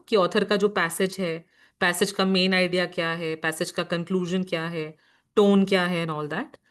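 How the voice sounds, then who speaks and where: A woman's voice: mid-range voice, fairly bright tone. A woman teacher giving a lecture on reasoning, explaining patiently, asking questions and answering them herself, and mixing terms into Hindi. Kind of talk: classroom lecture.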